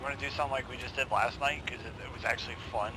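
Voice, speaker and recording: A blunt, heavily profane man chatting casually while playing as a tank driver in a military game, over a loud engine. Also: mid-range voice, steady tone, very fast, background noise. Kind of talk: casual gaming chat.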